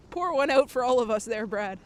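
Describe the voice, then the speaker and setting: Out on the city streets at night, an IRL streamer with a fairly high voice reads viewer comments and chats, frequently breaking into laughter. A cold she's recovering from leaves her a bit nasal, and a little hiss or hum runs through the audio.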